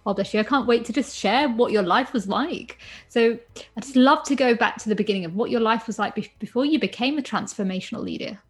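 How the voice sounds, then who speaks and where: Bright-pitched enthusiastic woman podcast host. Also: brisk, breathy edge, soft background music. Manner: gushing and encouraging. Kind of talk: scripted intro then interview hosting.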